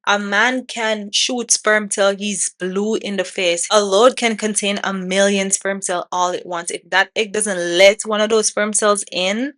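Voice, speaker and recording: A woman in her twenties talks through her opinions in a solo podcast, blunt and irreverent. Her voice is bright and forceful, and she often breaks into laughter or fires off rhetorical questions at the listener. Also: mid-range voice, steady tone, unhurried, hardly any pauses. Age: 20s. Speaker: podcast host. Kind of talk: casual opinion monologue. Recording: odd-sounding mic.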